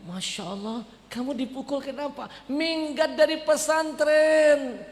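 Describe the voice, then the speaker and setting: A man's voice: extremely high pitch, unhurried, pitched above the performer's own voice. A man voicing a doting mother who fusses over her son, coaxing and repeating herself. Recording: echoey hall, faint ambience.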